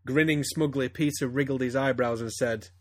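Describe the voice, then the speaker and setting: A man's voice: medium pitch, fairly even intonation, normal speed, no echo. A man reading fan fiction aloud to friends, stumbling and breaking into laughter as he goes. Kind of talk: casual comedic reading aloud.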